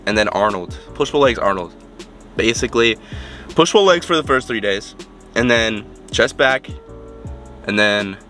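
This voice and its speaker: Here a young man vlogging about fitness talks from inside his car to a camera at arm's length, his voice fairly low and sharp. It comes across nasal and congested as he rambles casually, stumbling through fillers and restarts.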